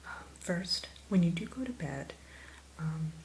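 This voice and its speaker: A woman in a whispered role-play as an attentive spa consultant, gently talking a client through questions and advice like a spa receptionist. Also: fairly low pitch, expressive, a little slow, creaky, poor audio. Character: soothing, attentive female spa sleep consultant. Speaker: ASMR performer playing a spa sleep consultant. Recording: close whisper with background hiss.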